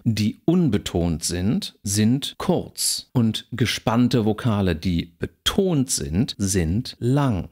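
A man giving a recorded university lecture, explaining things in a measured way and slowing down to spell out example words. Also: fairly low pitch, a little mellow.

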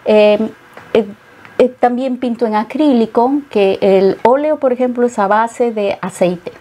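A Peruvian painter in middle age answers interview questions with a dark-toned voice on the high side, keeping a measured pace. She is thoughtful and hesitates a lot. The setting is a studio with bookshelves.

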